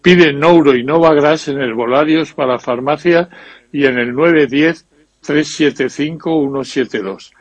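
A man speaking as a doctor in a scripted infomercial pitch for radio. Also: unhurried, no room sound. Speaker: doctor promoting supplements.

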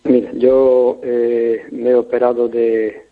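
A man's voice: medium pitch, little pitch movement, slow. A man calling in to a radio show over the phone, talking politely and hesitantly with many restarts. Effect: heard over the phone. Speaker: radio caller. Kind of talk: casual call-in chat. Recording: tinny phone line.

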